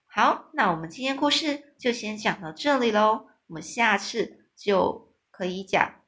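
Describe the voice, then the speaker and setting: A woman reads a children's storybook aloud at an easy, unhurried pace. She often stops to explain difficult words in simple language, with small restarts along the way. Her voice sits at an ordinary pitch for a woman. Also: expressive, a bit bright. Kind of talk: reading a children's book aloud.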